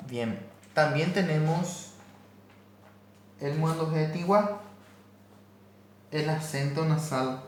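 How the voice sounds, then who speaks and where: A man teaching a language class, explaining slowly and carefully and repeating each example. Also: a little high, echoey room, a little hiss or hum. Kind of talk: recorded class lesson.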